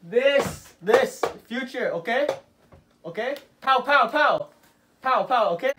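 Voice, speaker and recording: A man's voice: very high-pitched, expressive, takes it slowly, sharp tone, pitched above the performer's own voice, heavily acted. A man playing a harsh Russian tutor in a put-on accent, speaking broken English and pushing every point with "okay?". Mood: bossy. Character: harsh male Russian tutor, bossy and blustery. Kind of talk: amateur comedy skit.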